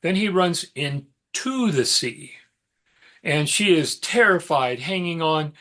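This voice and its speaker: A middle-aged man teaches a mythology session, slightly higher-pitched than most men. He tells the story loosely, with asides and filler words, like he's chatting with the class. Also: lively intonation, takes it slowly, a bit bright. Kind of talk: informal lecture storytelling.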